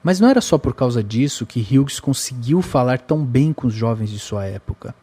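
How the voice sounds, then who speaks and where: A man with a Brazilian Portuguese accent giving measured, explanatory scripted narration for a film podcast. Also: medium pitch, expressive, warm tone, breathy edge.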